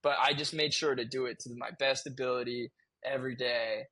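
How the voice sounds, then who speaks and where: A man's voice: mid-range voice, steady tone, fairly quick, bright, forceful tone, dry recording. A man in his twenties, a podcast guest, telling a personal story in casual chat, candid and swearing freely as he restarts his sentences.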